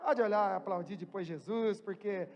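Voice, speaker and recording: A Brazilian pastor preaching a sermon. He moves between loud, emphatic preaching and quiet, joking asides to the congregation. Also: high voice, moderate pace, highs cut off, a little hiss or hum. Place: church hall. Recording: long church reverb, faint music.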